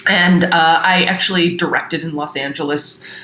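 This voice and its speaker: A woman's voice: low-pitched, steady tone, moderate pace, bright, forceful tone, slight background noise. A woman from the United States, a guest in a casual interview, talking chattily with frequent laughs and fillers like "like" and "um". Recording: roomy echo.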